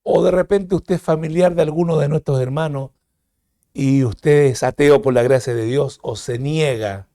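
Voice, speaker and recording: A man with a Peruvian Spanish accent teaching a Sunday school lesson, leading listeners through call-and-response repetition and leaping up in pitch on the counts. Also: dark tone, no room sound, studio quality. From Peru. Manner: leads repetition drills, jumps high on counts; addresses listeners as "hermanos".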